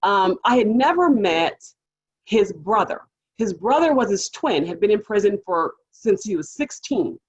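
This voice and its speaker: A woman public defender telling a courtroom story to a panel audience, lively and animated, acting out the people she quotes. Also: mid-range voice, unhurried, slightly rough, highs cut off.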